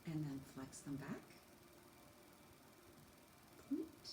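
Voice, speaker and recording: Extremely slow and sing-song, this woman's voice sits low as she guides children through yoga stretches, demonstrating each one and giving simple, encouraging step-by-step cues. An echoey room and faint background noise are audible.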